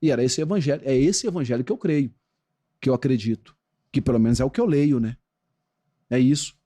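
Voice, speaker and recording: Brazilian pastor preaching with animated cadence. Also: male voice, medium pitch, brisk. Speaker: pastor and former footballer. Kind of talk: podcast interview.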